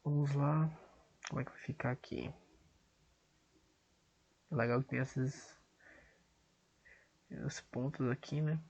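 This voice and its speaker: A man with a Brazilian accent works through language-app exercises at his computer, thinking aloud. His voice is husky and full of fry, and he talks slowly, half to himself, then repeats practice sentences loudly. The sound is muffled and lo-fi. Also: medium pitch, steady tone. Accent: Brazilian Portuguese. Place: at a desktop computer.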